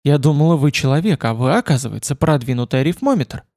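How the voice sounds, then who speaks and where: A man voicing a smart female AI car assistant with a soft yet businesslike way of talking, polite with a sly teasing edge, in an audiobook. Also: mid-range voice, animated, quick pace, dry recording, studio quality, natural voice. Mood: meek.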